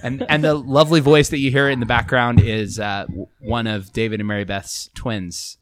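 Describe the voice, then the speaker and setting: A man's voice: medium pitch, normal speed. A man hosting a casual podcast chat, joking about himself as he talks. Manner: chatty, animated, self-deprecating. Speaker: podcast host.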